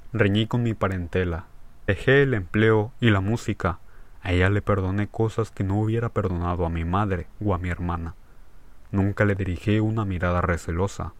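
A man's voice: low voice, close to an everyday voice. A man reading the part of a grieving, betrayed husband who pleads tearfully and with vehemence.

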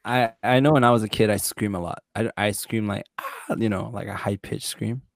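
A man's voice: fairly low pitch, fairly even intonation, brisk, vocal fry, no room sound, clean studio sound. A young man in casual group chat, talking in a laid-back, slangy way. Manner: laid-back, slangy, full of likes and mans.

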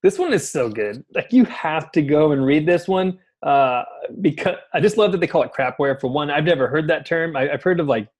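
Male co-host, relaxed and laid-back, chatty and quick to laugh. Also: a little high. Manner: easygoing, laughs often, many fillers. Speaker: podcast co-host. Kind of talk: casual chat.

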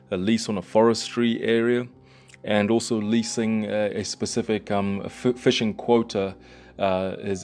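A man's voice: fairly low pitch, darkish tone, a little hiss or hum. A man explaining real estate in a loose, conversational way, with lots of fillers and restarts. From New Zealand. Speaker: real estate broker and host. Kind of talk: casual explainer monologue.

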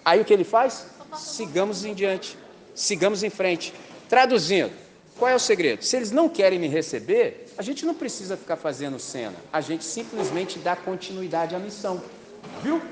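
A man with a Brazilian accent preaching a sermon in a lively, slangy way, full of rhetorical questions. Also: high-pitched, normal speed, big-room sound. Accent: Brazilian Portuguese.

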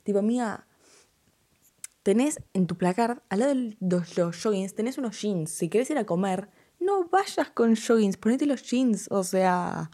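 A woman's voice: mid-range voice, lively intonation, measured pace, dark tone. A teenage girl with an Argentine accent giving blunt, dismissive opinions on fashion in a casual vlog, repeating "no" often. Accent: Argentine Spanish.

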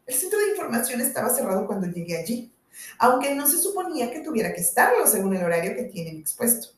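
A woman narrating a novel in a steady, measured way, with a few small slips, in a roomy recording from a distant mic. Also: a little high. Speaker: audiobook narrator. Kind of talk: scripted narration.

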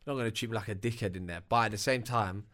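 A man's voice: fairly low pitch, rapid-fire, fairly bright tone. Young London roadman chatting slangily. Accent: London, urban roadman slang. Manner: slangy, sweary roadman talk. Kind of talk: casual banter with friends.

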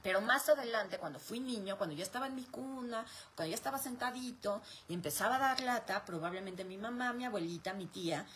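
A woman's voice: mid-range voice, fairly quick, few pauses, fairly bright tone, slight background noise. A woman with a Mexican accent answers viewer questions in a live chat, explaining step by step and posing rhetorical questions she then answers. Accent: Mexican Spanish.

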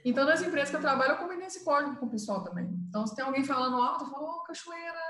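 Brazilian woman consultant, higher voice, explains patiently, roomy echo. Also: racing, a bit bright, a little hiss or hum. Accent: Brazilian Portuguese. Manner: explanatory, uses filler "né". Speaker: communication consultant. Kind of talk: casual live chat.

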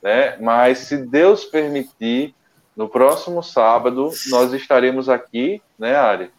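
A man co-hosting an online talk from home, telling a story in a relaxed, rambling way with many restarts. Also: medium pitch, slow. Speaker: co-host of an online study show. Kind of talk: casual storytelling and sign-off. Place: his home. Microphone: internet call. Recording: dull, lo-fi internet call audio.

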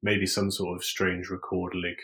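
A man's voice: low-pitched, completely flat delivery, normal speed, a bit bright. A man co-hosting a podcast, chatting in a mild, easygoing way. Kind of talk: casual chat.

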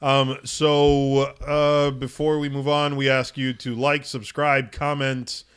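A man's voice: medium pitch, level tone, takes it slowly, a bit bright, clean tone. A man hosting a casual podcast in an absent-minded, rambling way, losing his thread as he goes. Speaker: podcast host. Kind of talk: casual unscripted podcast chat.

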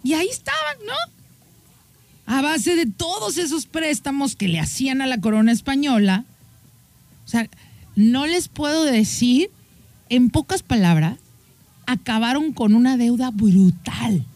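A woman's voice: sits high, sing-song, a little slow, long pauses, darkish tone, dry recording. A woman with a Mexican accent hosts a show. She tells history in a casual, playful, teasing way. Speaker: host.

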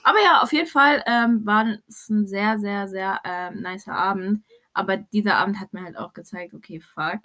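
A young woman in casual chat, talking in a slangy, animated way. She throws English swear words into her German and acts out both sides of the stories she tells. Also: mid-range voice, normal speed.

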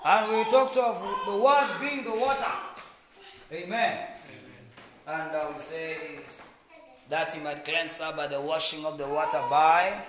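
A man's voice: a little high, unhurried, long pauses, fairly bright tone. A man preaching a sermon, stressing points with call-and-response and frequent "praise God". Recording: echoey room, some noise.

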